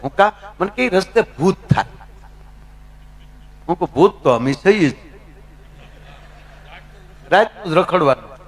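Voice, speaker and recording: A man's voice: high-pitched, lively intonation, unhurried, long pauses. A middle-aged man with a Gujarati accent, a folk comedian telling chatty anecdotes live on stage and talking to the crowd. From Gujarat, India.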